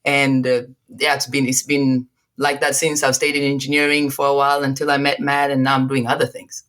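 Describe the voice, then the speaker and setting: Woman, from Tanzania, podcast guest, deep voice, easygoing, laughs often. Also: little pitch movement, a little fast, a bit bright. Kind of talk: casual interview chat.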